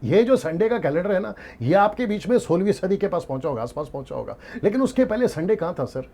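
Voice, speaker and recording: A man's voice: high-pitched, big pitch swings, fast, warm tone. A male preacher teaching in a sermon style, emphatic, asking rhetorical questions and repeating his key points. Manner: mixes English words into his speech; rhetorical questions, occasional laughs.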